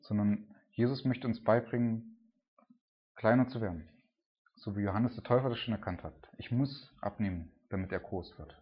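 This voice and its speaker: A man giving a sermon in a loose, conversational way, often adding "ne?" and rising to loud cries when he retells dramatic scenes. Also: fairly low pitch, moderate pace, muffled recording. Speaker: preacher.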